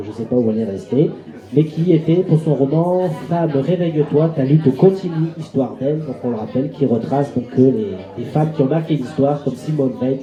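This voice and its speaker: A man hosts a book talk in an event hall. His voice is very dark and mellow, and it rings with the room's echo. He links the guests loosely and keeps falling back on "donc". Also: mid-range voice. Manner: leans on "donc" as filler, talks loosely. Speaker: event host. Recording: roomy hall sound.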